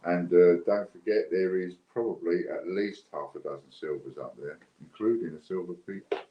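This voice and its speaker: Hosting a giveaway livestream, a British man chats at normal speed in a low voice, keeping things casual, unscripted and rambling. Background noise comes through clearly on a dull, lo-fi recording with roomy echo.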